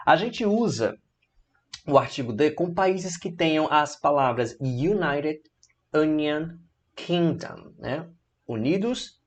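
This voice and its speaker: A man with a Brazilian Portuguese accent teaching English grammar in an online lesson. He explains each rule step by step, reads the English examples slowly, and checks in often with "tá?" and "né?". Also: a little high.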